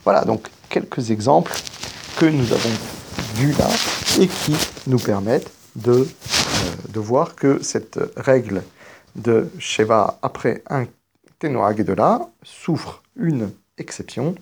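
A man's voice: medium pitch, animated, slow, vocal fry, background noise. A man giving a spoken grammar lesson, explaining each rule step by step and stopping now and then to correct himself. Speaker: teacher of biblical Hebrew grammar.

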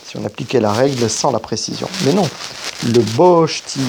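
Lively-voiced man teaching grammar. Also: medium pitch, normal speed, creaky, noisy background. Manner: methodical explaining, stops to correct himself. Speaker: teacher of biblical Hebrew grammar. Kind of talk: spoken grammar lesson.

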